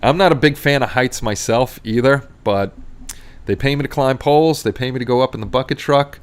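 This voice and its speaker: A man's voice: medium pitch, fairly quick, smooth. A middle-aged man with a Queens New York accent chats casually as a livestream host, rambling along and repeating his phrases. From Queens, New York City, USA. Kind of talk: casual chat, reading and answering live chat.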